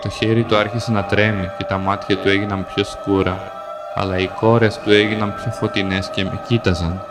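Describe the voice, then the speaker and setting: Over clear background music, a lowish-voiced man narrates a grim fantasy tale in the first person. His delivery is calm and measured, moving through it in short, single sentences.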